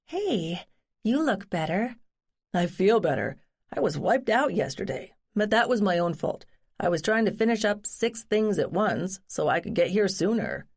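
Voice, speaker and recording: A woman's voice: mid-range voice, big pitch swings, moderate pace, creaky, a little mellow, husky, exaggerated voice. A woman voicing a considerate boyfriend in dialogue from a cozy mystery audiobook. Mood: gentle, casual.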